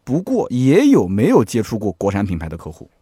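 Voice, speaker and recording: A man hosting a podcast in casual chat, animated and chatty, often asking his listeners "right?". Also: fairly low pitch, a little fast, slightly rough, no room sound, clean studio sound. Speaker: podcast host.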